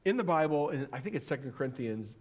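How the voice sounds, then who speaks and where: A male pastor preaching a sermon in a conversational way, often restarting his sentences and acting out the quoted voices. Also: quick pace. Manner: acts out quoted voices with lively pitch swings.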